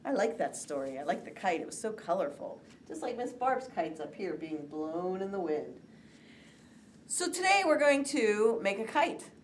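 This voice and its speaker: A woman librarian leading a children's story time, talking to small kids in an animated, sing-song way. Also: medium pitch, moderate pace, slight background noise.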